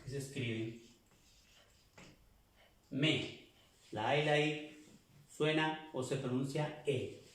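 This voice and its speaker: Slow-speaking man teaching French words. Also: mid-range voice, fairly bright tone. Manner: patient, repeats words slowly. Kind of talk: slow classroom pronunciation drill. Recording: echoey room, mic at a distance.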